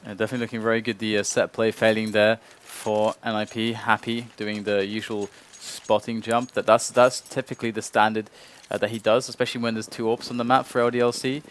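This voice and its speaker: A man working as an esports caster, giving analytical, explanatory live commentary on a shooter match. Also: lowish voice.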